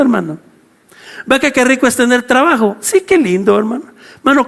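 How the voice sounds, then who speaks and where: Man, Guatemalan accent, pastor preaching, high voice, gravelly edge, animated. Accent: Guatemalan Spanish. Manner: animated, acts out quoted voices, calls out to the congregation. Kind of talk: sermon.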